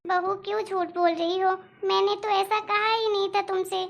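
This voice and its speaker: A woman's voice: very high voice, level tone, normal speed, gravelly. A woman voicing a scheming, complaining mother-in-law in a cartoon story, nagging and blaming. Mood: scolding. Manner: nagging, complaining, blames others. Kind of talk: animated cartoon voice acting.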